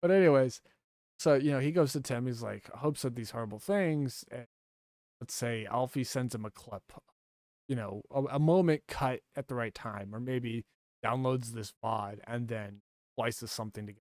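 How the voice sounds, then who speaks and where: A man's voice: mid-range voice, normal speed, darkish tone, no room sound, clean studio sound. A man talking casually to his livestream chat, rambling and correcting himself, laughing now and then.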